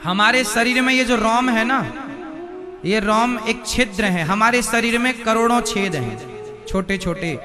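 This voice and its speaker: Male preacher, high voice, folksy sermon with rhetorical questions, music behind him. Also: measured pace. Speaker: spiritual preacher. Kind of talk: devotional sermon. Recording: music playing under the speech.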